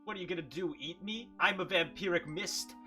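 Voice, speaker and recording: A man's voice: high voice, brisk, bright, forceful tone. A man voicing a cocky vampiric mist, a talking fog, in a taunting, mock-menacing way for a tabletop game. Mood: taunting, smug. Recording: music playing behind.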